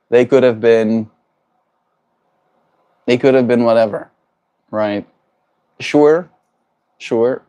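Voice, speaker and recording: A lowish, mellow voice belongs to this South African livestream host. He chats casually and thoughtfully with his audience, answering them and habitually tagging questions onto his points.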